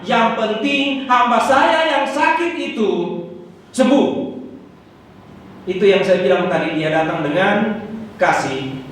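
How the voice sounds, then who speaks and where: A man preaching a Sunday sermon as pastor, acting out quoted prayers with lively emphasis. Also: high voice, takes it slowly, long pauses, slight background noise. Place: church hall. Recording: echoey church hall from far off.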